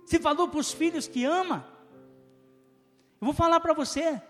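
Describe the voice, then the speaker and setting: A man with a Brazilian Portuguese accent preaches in a church, his voice pitched very high and full of rhetorical questions. The sound carries a long reverb from the hall. Soft music plays faintly underneath. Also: moderate pace. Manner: animated preaching with rhetorical questions and call-and-response. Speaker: pastor. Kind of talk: sermon.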